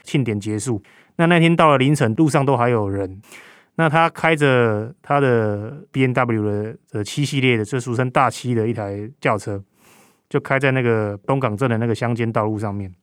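A man's voice: mid-range voice, moderate pace, clear, resonant tone, no room sound, clean studio sound. A man with a Taiwanese Mandarin accent recounts a case conversationally as a reporter, speaking through a face mask. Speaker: crime reporter as podcast guest.

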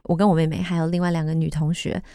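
A woman's voice: sits low, little pitch movement, very fast, mellow, no echo, clean studio sound. A middle-aged woman from Taiwan, telling a personal story as a talk show guest and acting out the voices of people in it. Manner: vivid, acts out quoted voices.

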